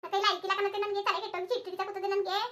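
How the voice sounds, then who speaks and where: A woman voicing a sharp-tongued old village grandmother in a cartoon, scolding and cursing without pause. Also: extremely high pitch, level tone.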